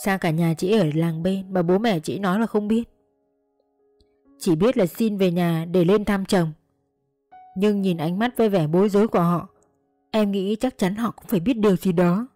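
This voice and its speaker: A young village girl speaks in a soft, hushed voice, worried and careful, as a woman storyteller reads her lines. The sound is dry and close, with light music underneath. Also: medium pitch, moderate pace, no echo, lightly acted.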